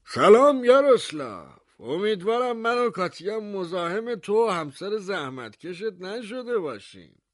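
A man voicing a pompous, nosy male village mayor in a high, mocking voice. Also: big pitch swings, no echo, studio quality.

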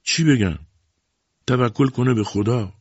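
A man's voice: mid-range voice, slightly rough, no echo, pitched above the performer's own voice, lightly acted. A man voicing an evasive old village man who answers slyly and grudgingly. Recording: dull lo-fi recording.

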